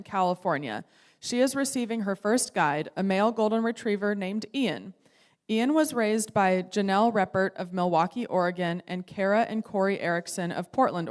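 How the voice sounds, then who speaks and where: Woman, ceremony announcer, steady delivery, hall reverb. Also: mid-range voice. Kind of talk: reading introductions.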